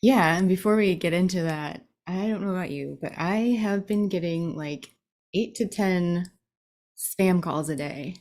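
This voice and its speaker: A woman's voice: lowish voice, unhurried, a little mellow. A woman co-hosting a podcast in casual chat, talking in a rambling way with many likes. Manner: conversational, rambling with 'like' fillers. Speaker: co-host, financial advisor.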